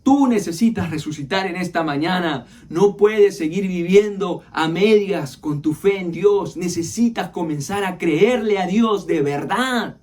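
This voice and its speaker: High-voiced impassioned male pastor. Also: a little mellow. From Peru. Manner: impassioned preaching, slowing to stress lines. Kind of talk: sermon.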